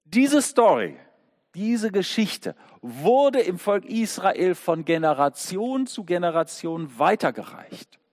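A man preaching in a church, his voice pitched high and swinging widely up and down. He takes his time, leaning into the story and tossing out rhetorical questions. Long reverb from the hall trails each phrase. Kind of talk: sermon.

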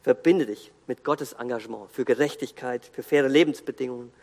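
A man giving an earnest, emphatic sermon, pausing and restarting as he speaks. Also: medium pitch, vocal fry, a little mellow, big-room sound. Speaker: guest preacher.

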